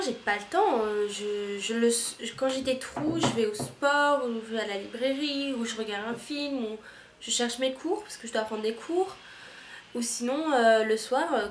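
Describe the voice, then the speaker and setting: Young woman, casual vlogger, a touch high, frank and slangy, echoey room. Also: a little hiss or hum. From France. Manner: rambling, frank and slangy, many restarts. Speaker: au pair vlogger. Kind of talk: casual chat to camera. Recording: echoey room with faint ambience.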